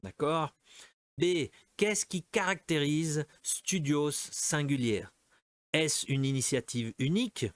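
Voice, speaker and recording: Male language teacher, unhurried and patient, dry close sound, keeps checking in with students. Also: a little high, no echo. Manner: patient, checks in often with "d'accord?". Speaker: French teacher. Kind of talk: language lesson, correcting exercises.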